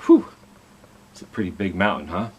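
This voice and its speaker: In a deep voice at a normal pace, a man reads a picture book to young listeners, narrating dramatically and asking them questions. It's an expressive children's read-aloud, with slight background noise in the recording.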